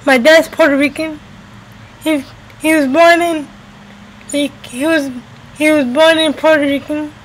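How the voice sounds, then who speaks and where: A woman in her twenties from the United States, with ties to New Jersey and Florida, vlogs casually to a webcam at arm's length indoors at home by a window, repeating phrases for emphasis. Her voice is high with fairly even intonation, unhurried with long pauses, on a low-quality recording with a little hiss or hum.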